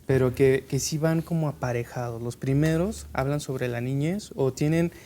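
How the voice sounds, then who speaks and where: Male panelist, middle pitch, measured delivery, faint rumble underneath. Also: dark tone. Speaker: book discussion panelist. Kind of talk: casual literary discussion.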